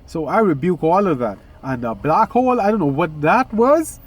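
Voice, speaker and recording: A man's voice: a little high, big pitch swings, normal speed, husky. A man hosting a casual spiritual vlog, talking in a rambling way with many restarts and occasional yawns. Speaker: vlog host.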